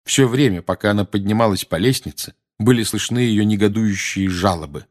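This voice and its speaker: A man's voice: lowish voice, a little fast. A man narrating an audiobook expressively, giving each character a voice. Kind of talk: audiobook reading.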